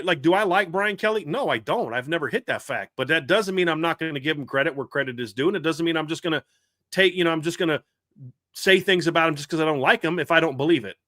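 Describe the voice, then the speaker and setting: A man hosting a live sports talk show, talking in an animated, rambling way with frequent restarts. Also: a little high, no room sound, studio quality. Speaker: podcast host.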